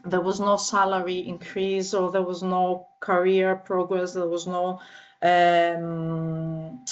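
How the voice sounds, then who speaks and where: Woman, Greek accent, 30s, low-pitched, monotone, hesitant with fillers, slightly muffled recording. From northern Greece. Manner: measured and halting, frequent filler sounds. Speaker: guest. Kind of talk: interview answers.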